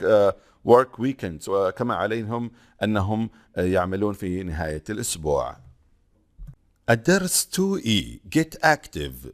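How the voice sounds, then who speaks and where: A male teacher reading English textbook lines slowly and explaining each one in Arabic, with frequent hesitant pauses. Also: lowish voice.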